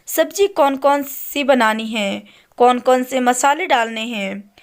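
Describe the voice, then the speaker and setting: A woman's voice: sits high, slow pace, clear, resonant tone. A woman voicing a polite young daughter-in-law in a storybook, respectfully asking questions. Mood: dutiful. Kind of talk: storybook character voice.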